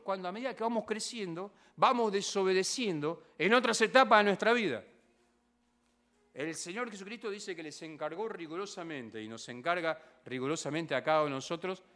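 Man, preacher, Rioplatense accent, emphatic sermon, slightly high voice. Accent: Rioplatense Spanish. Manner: emphatic, rhetorical tag questions.

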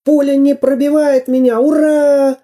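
A man voicing a brave, cheeky little iron man in a storybook reading, crying out in a shrill, excited voice. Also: unhurried. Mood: triumphant.

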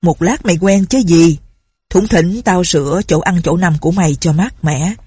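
A woman's voice: fairly low pitch, moderate pace, warm tone, dry recording, clean studio sound. A woman voicing a bossy, scheming old ex-pirate chief who barks out orders. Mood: commanding. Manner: bossy, gruff commands.

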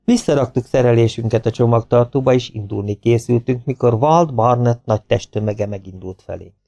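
Mellow-voiced male audiobook narrator. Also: medium pitch, creaky. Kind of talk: scripted narration.

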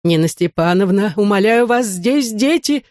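A woman's voice: mid-range voice, animated, normal speed, warm tone, no room sound, clean studio sound, pitched above the performer's own voice, lightly acted. A woman reading an audiobook, voicing a timid male intellectual neighbour who pleads in anguish. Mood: imploring.

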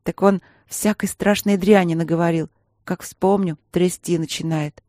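A woman reading the part of an emotional young bride, nervous and excited, with words tumbling out in a breathless rush. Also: fairly low pitch, unhurried, no echo, clean studio sound, natural voice. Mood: anxious excited.

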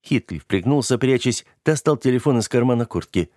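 A man reading a first-person story aloud in a steady, measured way. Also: mid-range voice, no echo, clean studio sound. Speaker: audiobook narrator. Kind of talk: first-person scripted narration.

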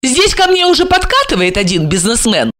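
A woman voicing a brash, greedy young woman who makes impatient, shrill demands in an audiobook. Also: very animated, a little fast, fairly bright tone. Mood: pushy. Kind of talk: audiobook character voice.

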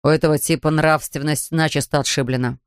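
A man voicing a pompous older male surgeon, gruff and sarcastic. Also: fairly high pitch, steady tone, fairly quick, dry recording, clean studio sound, pitched below the performer's own voice, close to an everyday voice.

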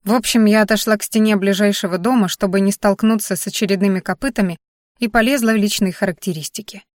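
A woman's voice: mid-range voice, steady tone, fast talker, dry recording, studio quality. Woman narrating a wry, anxious audiobook. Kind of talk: first-person audiobook narration.

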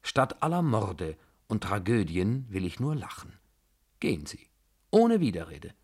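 A man's voice: lowish voice, wildly swooping pitch, a little slow, darkish tone, husky, full character voice. A man voicing a proud, scornful young woman who gives cold, mocking commands, read in an audiobook. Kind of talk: audiobook dialogue.

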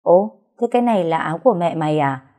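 A spiteful middle-aged stepmother, deep-voiced and mellow, who sneers and hurls insults until she is shouting, as a woman narrator puts her on. The audio story keeps her sharp and scornful. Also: expressive, fast talker. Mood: scornful taunting.

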